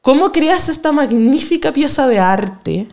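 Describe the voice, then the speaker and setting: A woman's voice: high-pitched, unhurried, vocal fry. A woman with a Chilean accent, chatting casually on a podcast and retelling a film with acted-out quotes and lots of slang. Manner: animated storytelling with acted quotes and swearing. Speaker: podcast host. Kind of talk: casual chat.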